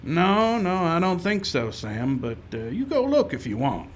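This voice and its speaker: Man as Matt Dillon, stern higher-pitched frontier marshal. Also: sing-song, a little slow, slight background noise. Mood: weary, firm. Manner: commanding, clipped, no-nonsense. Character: stern, weary frontier marshal keeping order. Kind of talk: 1950s-style radio western acting and narration.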